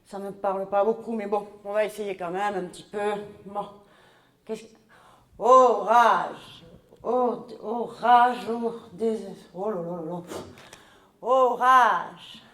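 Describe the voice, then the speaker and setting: A woman's voice: medium pitch, slow pace, a bit bright. A woman playing a chattering southern French mother. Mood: fretful. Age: middle-aged. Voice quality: talkative, rambling, indignant asides. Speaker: comic stage character. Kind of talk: live comedy sketch. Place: large echoey hall. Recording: roomy live hall sound.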